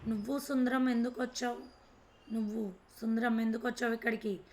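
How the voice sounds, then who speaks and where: Brief: furious father figure, woman narrator, flat and fairly high delivery. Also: fairly quick, slight background noise, natural voice. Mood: angry. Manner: angry, demanding. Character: furious father, hotel owner.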